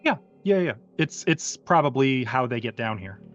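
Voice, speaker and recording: Lively male game master over faint music. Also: mid-range voice, normal speed. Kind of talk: tabletop game narration and casual table talk. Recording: slightly muffled, faint music behind.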